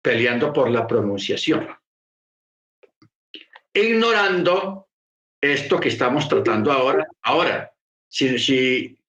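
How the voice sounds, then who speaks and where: A man's voice: mid-range voice, lively intonation, takes it slowly, pauses often, a bit bright, roomy sound, dull audio. A man preaching a sermon, explaining patiently and repeating key phrases for emphasis. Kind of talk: sermon teaching.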